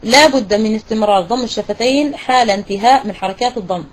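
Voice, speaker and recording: A woman teaching a tajweed lesson to women students, explaining step by step and slowly repeating words to demonstrate pronunciation. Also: fairly high pitch, rough recording. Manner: praises and questions students. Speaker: Quran recitation teacher.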